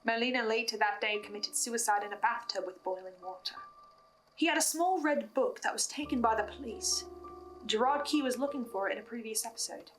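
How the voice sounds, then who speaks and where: A woman with a slightly high, somewhat bright voice talks briskly over faint background music in a low-quality recording. Hosting a horror audio drama recap, she dramatically and emphatically presents theories to the listener, scripted with asides.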